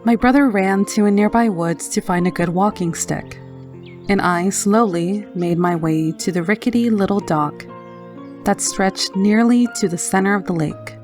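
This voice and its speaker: A woman narrating a scripted first-person scary story in a low, haunting, measured manner. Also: darkish tone. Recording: narration over background music. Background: music.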